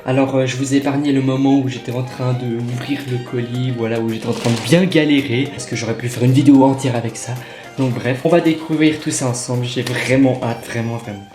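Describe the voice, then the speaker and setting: A young man talks his way through an unboxing in a loose, chatty manner, full of fillers and self-corrections. His voice sits in a middle pitch. The room is echoey, with faint music behind. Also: steady tone, brisk. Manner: chatty, many fillers and restarts. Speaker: magic unboxing vlogger. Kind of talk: casual unboxing chat. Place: room at a table. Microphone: camera on tripod.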